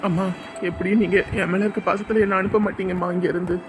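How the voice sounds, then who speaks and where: A woman's voice: mid-range voice, fairly even intonation, fast, over music, close to an everyday voice. A woman voicing a stubborn grown son who brushes off his mother's worry. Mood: dismissive. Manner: dismissive, brushing off concern. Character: stubborn grown son hurt, proud, leaving home.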